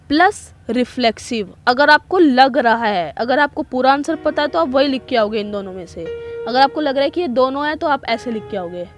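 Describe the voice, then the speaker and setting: High-voiced woman teaching grammar. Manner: explains each example slowly in Hindi, checking with "ठीक है". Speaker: English teacher. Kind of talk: online grammar lesson.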